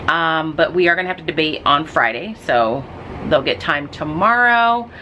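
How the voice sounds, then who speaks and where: A woman's voice: low-pitched, lively intonation, normal speed, sharp tone, slight background noise, rough recording. A woman teacher chatting casually in a daily vlog, rambling with lots of ums. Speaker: teacher and vlogger.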